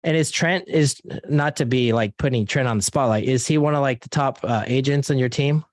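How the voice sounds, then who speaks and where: A man's voice: mid-range voice, a little fast, no room sound, clean studio sound. A man giving a casual motivational sales training talk over an online meeting. He fills his talk with "like" and calls his listeners guys and dude. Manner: casual, filler-heavy, addresses audience as guys and dude.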